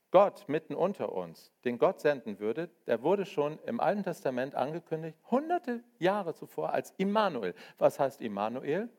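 An older man delivers a charismatic sermon in a somewhat high voice. He bursts into loud, joyful declarations and then drops to soft, confiding asides. His manner is folksy, and he keeps checking in with his listeners. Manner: dynamic, swings between loud exclamations and soft intimate asides; folksy, addresses listeners with "ne?" and "du auch?". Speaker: preacher.

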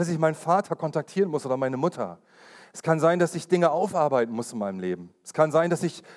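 A man's voice: fairly high pitch, darkish tone. A man giving an earnest sermon as pastor, repeating key phrases for emphasis and sharing personal testimony with urgency.

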